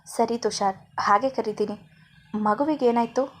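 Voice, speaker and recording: Brief: a soft-spoken, caring young mother from a storybook, read by a woman narrator. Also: a little high, unhurried. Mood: curious.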